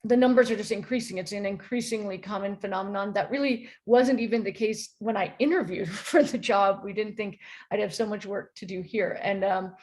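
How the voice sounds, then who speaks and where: This American woman, a philosophy professor on a conference panel, has a medium-pitched, darkish voice with fairly even intonation. Her friendly delivery halts frequently, full of ums and restarts.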